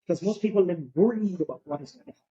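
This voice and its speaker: A man's voice: high voice, racing, warm tone, lo-fi sound. A middle-aged man from Barbados, a podcast guest talking in a reflective, philosophical way in casual conversation.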